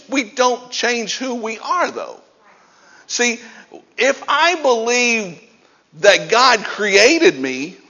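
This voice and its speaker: Pastor, male, high and animated delivery, slow, bright tone, echoing church hall. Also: husky. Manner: emphatic preaching, rising to near-shouts. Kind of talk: sermon. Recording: dull lo-fi sound in a reverberant hall.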